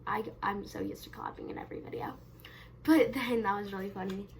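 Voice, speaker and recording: A woman's voice: medium pitch, fairly even intonation, brisk, gravelly, slight background noise. A young woman vlogging to camera, telling a long story in a rambling way, often correcting herself and leaning on "basically" and "um". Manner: wide swings in loudness and pace. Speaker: YouTube vlogger. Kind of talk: casual camera vlog storytelling.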